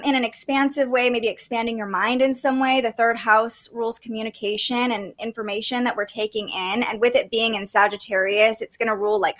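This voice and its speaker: A woman hosting a podcast, giving a conversational astrology reading in a gentle, explanatory way. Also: a little high. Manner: gentle, explanatory, with light laughs and fillers.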